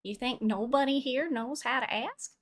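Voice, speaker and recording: A woman's voice: high-pitched, moderate pace. A woman playing a tabletop game, chatting casually in character.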